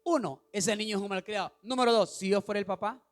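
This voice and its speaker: A male pastor, preaching an animated sermon that rises to shouts and puts questions to the congregation. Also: high-pitched, quick pace, faint music behind.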